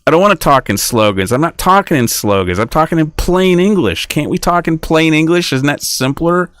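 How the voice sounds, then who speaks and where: A man's voice: fairly high pitch, animated, fairly quick, a bit bright, clear, resonant tone, dry recording. A man hosting a podcast, talking in a rambling, indignant monologue and acting out imagined back-and-forth dialogues. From United States. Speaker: podcast host. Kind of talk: casual monologue.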